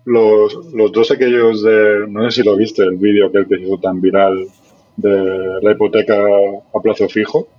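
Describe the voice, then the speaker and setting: A low, husky male voice gives short, easygoing answers as a podcast guest. His dull, lo-fi audio sounds muffled next to the host's. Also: level tone, normal speed. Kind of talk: casual podcast chat.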